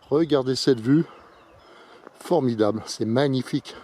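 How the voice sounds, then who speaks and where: A man, winded from climbing, narrates his walk around an old mountain fort and its tunnels. He exclaims over each view and talks loudly over the wind into a handheld camera mic. His pitch is average, and faint background noise runs under him. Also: unhurried. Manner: enthusiastic, exclaims over views. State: out of breath. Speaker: vlogger touring a fort. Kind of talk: casual walking tour commentary.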